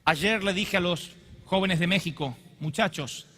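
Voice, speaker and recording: A man's voice: sits high, a little slow, bright, forceful tone. A man preaching a sermon to a congregation, impassioned and confessional, who often acts out quotes. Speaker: pastor. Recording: long reverb of a large hall.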